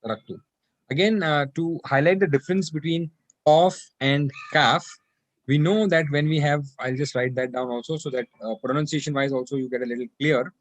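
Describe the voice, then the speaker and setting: A man teaching an online Arabic class, patiently repeating phrases slowly for his students. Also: on the high side, fairly even intonation, no echo.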